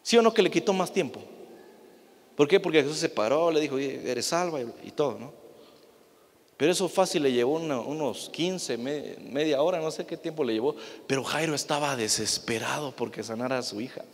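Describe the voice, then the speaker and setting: A man, a pastor preaching an animated sermon and asking the congregation rhetorical questions. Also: a little high, brisk, breathy edge. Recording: long reverb of a church hall.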